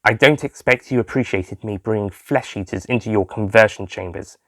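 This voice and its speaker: A man's voice: lowish voice, moderate pace, fairly bright tone, dry recording. A man voicing a smug, scheming alien villain with a volatile temper, gloating theatrically in a sci-fi audio story.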